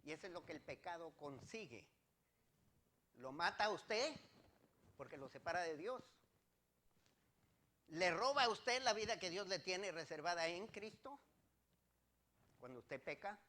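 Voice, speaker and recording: High bright-voiced male preacher. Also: lively intonation, unhurried, pauses often. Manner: preaching with rising emphasis and direct questions to the congregation. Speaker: pastor. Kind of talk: sermon.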